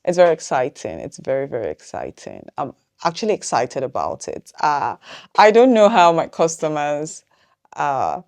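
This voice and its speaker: A woman's voice: deep voice, very animated, a little mellow. A woman who owns a small business, giving casual vlog advice and thinking aloud with plenty of ums. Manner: says she is talking fast.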